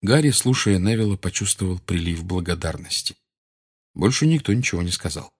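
A man's voice: low-pitched, brisk, breathy edge. Man reading an audiobook expressively. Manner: lively storytelling. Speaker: audiobook reader.

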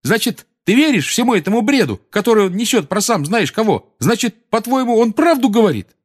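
A man voicing a nervous, hot-tempered teenage boy who shouts in agitation. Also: high-pitched, huge pitch swings, measured pace, pitched above the performer's own voice, full character voice. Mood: angry.

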